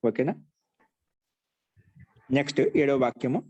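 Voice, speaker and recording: A man teaching Sanskrit grammar in an online class, repeating each phrase slowly so students can write it down. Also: mid-range voice, darkish tone, breathy edge.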